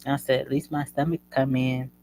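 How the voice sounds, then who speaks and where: A woman's voice: extremely low pitch, level tone, a little fast, warm tone, a little hiss or hum, poor audio. A woman hosting a show who tells a personal story in a casual, chatty way and keeps addressing her listeners as "y'all.". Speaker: host.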